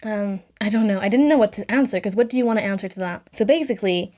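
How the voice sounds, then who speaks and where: A woman's voice: mid-range voice, quick pace, darkish tone. A young woman vlogger telling her own story in a casual, chatty way, acting out the people she quotes.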